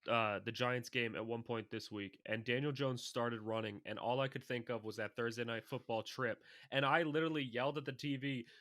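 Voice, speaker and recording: A young adult man co-hosting a casual fantasy football podcast, talking in an animated, excitable way. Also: medium pitch, moderate pace, few pauses, dry recording, studio quality. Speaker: podcast co-host.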